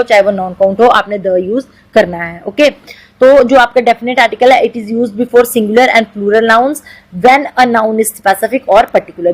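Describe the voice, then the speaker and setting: A woman teacher, explaining grammar in Hindi and reading examples slowly. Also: a little high, poor audio. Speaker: English teacher. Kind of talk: exam-prep grammar lecture.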